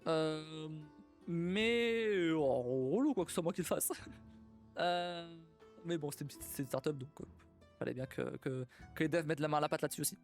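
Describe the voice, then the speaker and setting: A man's voice: a little high, moderate pace, soft background music. A young man chatting casually on a live stream, rambling through his work history and swearing freely. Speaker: streamer and game developer.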